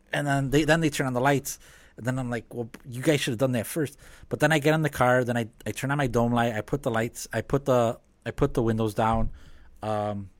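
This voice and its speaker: A man who owns a business, speaking as a guest in a casual podcast conversation and talking in a relaxed, halting way. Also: mid-range voice, no room sound. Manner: relaxed, halting with many restarts and fillers.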